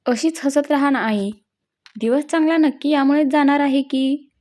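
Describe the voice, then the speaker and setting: Brief: woman reading as a cheeky, lively young mother in a story. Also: sits high, moderate pace, voice pushed up, natural voice. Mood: teasing. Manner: playful teasing.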